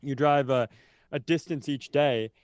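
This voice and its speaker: An unhurried man with a steady, mid-range voice co-hosts a podcast in a recording with no room sound. He tells rambling stories full of self-interruptions and dry jokes at his own expense, keeping the chat casual and comedic.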